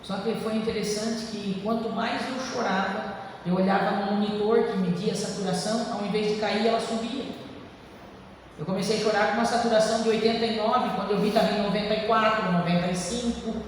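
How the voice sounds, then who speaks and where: A woman's voice: mid-range voice, steady tone, brisk, slight background noise. Woman testifying in an echoey hall. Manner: heartfelt storytelling, often addresses the congregation as brothers. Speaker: church member giving testimony. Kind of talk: personal testimony at a church service. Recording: echoey church hall from far off.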